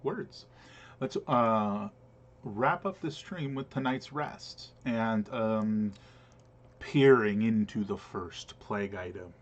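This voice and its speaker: A man running a tabletop game, narrating casually with many fillers and pauses. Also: lowish voice. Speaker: game master. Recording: dull lo-fi stream audio.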